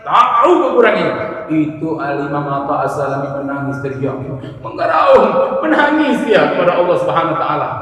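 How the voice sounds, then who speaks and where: A high-voiced male preacher tells a story with dramatic swings, dropping soft and then rising into shouted prayer. His voice rings through a long-echoing hall and is picked up from a distance. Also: quick pace. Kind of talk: sermon storytelling. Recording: echoey hall, voice from far off.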